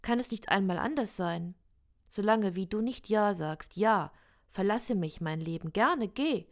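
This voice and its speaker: A woman reciting experimental prose poetry in a slow, measured, deliberate way. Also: mid-range voice, expressive.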